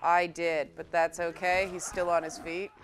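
A woman's voice: lowish voice, little pitch movement, a little slow, slight background noise. A young woman giving chatty, playful commentary while she plays a video game. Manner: chatty and playful, urging her pets on. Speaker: game presenter. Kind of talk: casual let's-play commentary.

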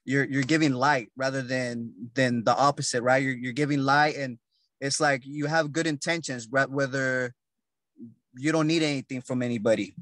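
Halting man speaking casually. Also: mid-range voice, steady tone, fairly bright tone, no room sound. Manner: halting, repeats words. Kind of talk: casual conversation.

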